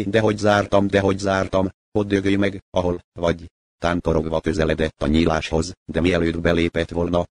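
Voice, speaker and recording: A man with a low, deep voice reads a literary story aloud, unhurried and measured. The sound is dry and close to the mic, with no room tone. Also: a little mellow, dry recording. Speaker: narrator.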